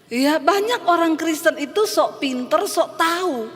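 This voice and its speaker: A middle-aged woman pastor preaching a lively Easter sermon, telling stories and acting out the people in them. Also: sits high, unhurried. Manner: lively storytelling, acts out quoted voices. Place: large church hall. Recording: reverberant church hall.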